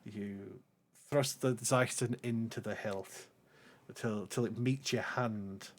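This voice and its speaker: A man running a tabletop game as game master, narrating casually in a halting, informal way. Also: fairly low pitch, fairly even intonation.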